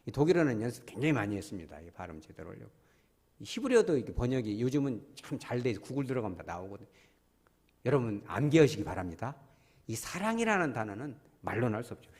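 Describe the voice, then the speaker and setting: A man's voice: mid-range voice, sing-song, fast talker, husky. A man preaching a sermon as a pastor. He talks with emphasis, keeps asking the congregation questions, and his throat sounds strained after an illness. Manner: emphatic, asks congregation questions, sudden loud cries. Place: church sanctuary. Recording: long hall reverb.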